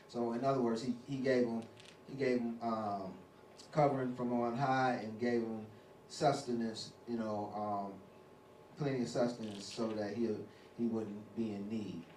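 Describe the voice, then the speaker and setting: A man's voice: fairly low pitch, darkish tone. Man, Bible study teacher, casual, rambling, filler-heavy, echoey room, far from mic. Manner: rambling, full of "you know" fillers. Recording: roomy, distant, faint hiss.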